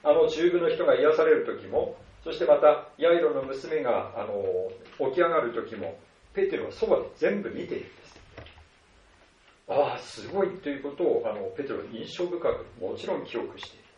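A male pastor preaching a sermon at a measured pace, with many soft filler words between phrases. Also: on the high side, expressive, slight background noise. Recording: distant, roomy, dull lo-fi sound.

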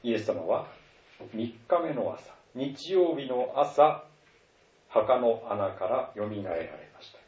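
A man preaching a sermon with an earnest, animated delivery and a lively pitch that rises and falls. His voice is mellow and dark. It comes from some distance off, in a roomy church hall with a slightly dull sound. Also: slow pace. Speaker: pastor.

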